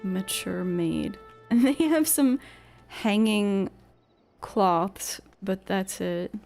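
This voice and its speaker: A woman's voice: medium pitch, very slow, creaky, a little mellow, soft background music. A young woman streamer chatting casually while gaming, swearing and laughing at herself.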